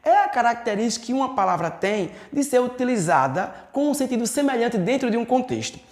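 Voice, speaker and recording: A man's voice: very high-pitched, big pitch swings, a little fast. A Brazilian man teaching a recorded exam-prep lesson, who poses questions to himself and then answers them. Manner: didactic, asks and answers his own questions. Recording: echoey room.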